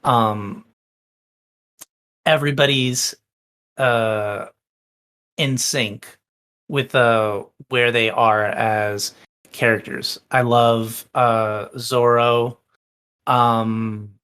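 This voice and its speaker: Male co-host, mid-pitched; rambles with excitement, curses casually, keeps restarting his sentences. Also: very slow, long pauses, smooth. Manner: rambling, excited, swears freely. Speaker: podcast co-host. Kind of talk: casual chat.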